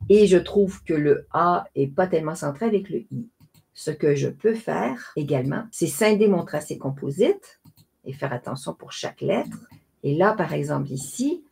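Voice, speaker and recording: A woman, explaining a design software tutorial step by step in a chatty way. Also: fairly low pitch, gravelly, slightly rough. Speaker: craft software tutorial host. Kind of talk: screen-recorded tutorial narration.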